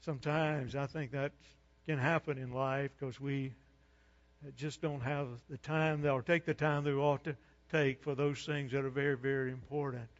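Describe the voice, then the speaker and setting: A man's voice: mid-range voice, little pitch movement, normal speed. A man preaching a sermon in a church, telling a story and building to fervent preaching. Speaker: pastor. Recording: muffled hall reverb.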